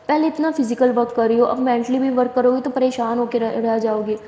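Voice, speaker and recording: A woman's voice: fairly high pitch, fairly even intonation, warm tone, lo-fi sound, lightly acted. A woman voicing a fond, bossy middle-aged aunt who fusses and warns, in an echoey room. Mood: teasing. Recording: echoey room with long reverb.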